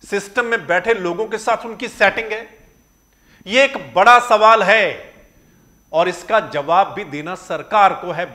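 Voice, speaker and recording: Guy with a tinge doing a news commentary, high bright voice, keeps firing questions. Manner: questioning, emphatic, rhetorical. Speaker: news reporter presenting a report.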